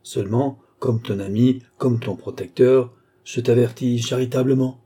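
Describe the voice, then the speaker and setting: A man reading aloud plays a worldly old duke who teases and quietly threatens. The voice is very dark and mellow with a husky grain, in an audiobook telling. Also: mid-range voice, steady tone, moderate pace, natural voice. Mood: sly, teasing. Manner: mocking, knowing, lightly threatening. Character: old duke and marshal, sly, teasing, worldly.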